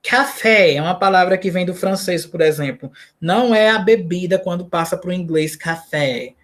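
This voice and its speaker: A woman's voice: on the low side, moderate pace. A Brazilian woman teaching English to students in a recorded lesson, explaining words step by step and checking in with "né?" and "tá?". She has a Brazilian Portuguese accent. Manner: explains false cognates, corrects herself, asks "né?" and "tá?".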